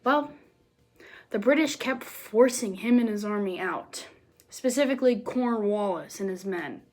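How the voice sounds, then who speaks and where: A woman presenting a goofy homemade history explainer, playful and jokey, with slang asides and sudden jumps between loud bursts and near-whispers. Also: mid-range voice, animated, a little slow, low-quality recording.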